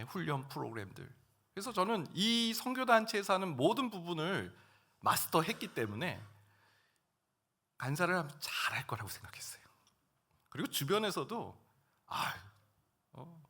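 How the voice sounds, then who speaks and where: A middle-aged male pastor preaching a sermon, telling a personal story and swinging between hushed and loud moments. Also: on the high side, sing-song, moderate pace, breathy edge. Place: church sanctuary.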